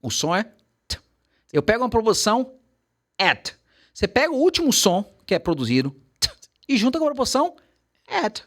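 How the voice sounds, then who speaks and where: Brief: male English tutor, Portuguese native, lively swooping delivery, careful slow demos of English sounds. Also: high voice. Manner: animated, switches to slow careful English examples. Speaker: English teacher. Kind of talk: casual teaching chat.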